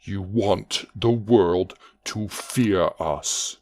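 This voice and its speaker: An actor playing a scheming villain uncle who speaks in a slow, measured, menacing way. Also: female voice, very deep voice, darkish tone, heavily acted. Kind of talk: audio drama acting.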